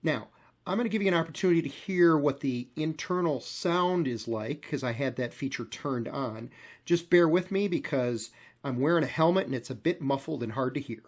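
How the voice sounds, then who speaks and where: A man's voice: a little high, expressive, moderate pace, slight background noise. American man narrating a car video. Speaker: host of a car video channel. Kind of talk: explanatory tutorial and storytelling narration.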